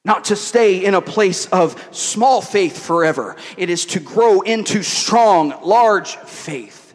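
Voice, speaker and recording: A man preaching a sermon to a congregation, repeating key words, asking rhetorical questions and dropping from loud to hushed. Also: high-pitched, animated, takes it slowly. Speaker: pastor. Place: church hall with an audience. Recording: long hall reverb.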